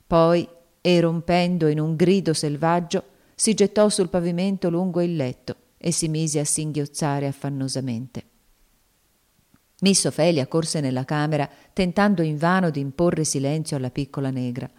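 A woman narrating a novel in a measured, solemn audiobook reading. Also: low-pitched, fairly even intonation, a little mellow.

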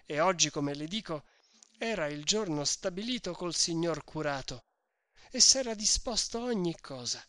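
A man's voice: a little high, sharp tone, dry recording, clean studio sound. A man voicing an earnest, indignant young peasant man who pleads in a raised, eager voice in a storybook reading.

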